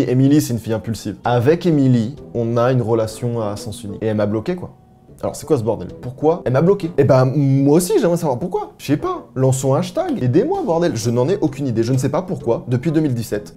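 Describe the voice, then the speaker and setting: A man from France telling anecdotes to the camera in a casual, animated, self-mocking and slangy way. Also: medium pitch. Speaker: vlogger.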